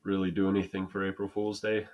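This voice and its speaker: A man's voice: deep voice, flat delivery, fast talker, highs cut off. A man from the United States co-hosting a casual podcast chat, rambling and self-deprecating with frequent restarts. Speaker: podcast co-host.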